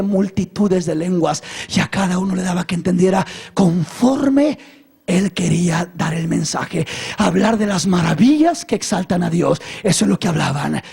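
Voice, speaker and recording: A raspy, gravelly-voiced male pastor delivers a fiery sermon. His voice sits very high, and he builds through repeated phrases into shouting. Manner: impassioned preaching, shouting at peaks, repeating phrases. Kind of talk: Pentecostal sermon. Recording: archival church sermon recording.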